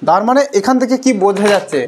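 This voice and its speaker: A man's voice: sits high, animated, racing, a little mellow, slight background noise. A male teacher patiently explains an English lesson to young pupils, asking questions and answering them himself and often saying "okay" between points.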